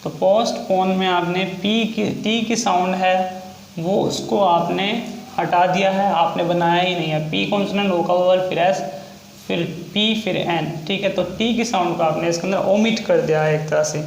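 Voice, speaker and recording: High-voiced man teaching in an echoey room. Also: steady tone, vocal fry. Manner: repetitive, spells words out slowly for learners. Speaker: shorthand teacher. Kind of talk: classroom lesson. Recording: echoey room with faint noise.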